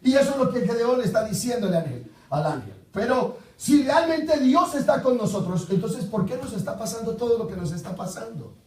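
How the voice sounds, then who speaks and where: A man preaching a sermon as pastor, repeating rhetorical questions and swinging between loud outbursts and low murmurs. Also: sing-song, brisk, hardly any pauses, roomy sound, far from the mic, rough recording.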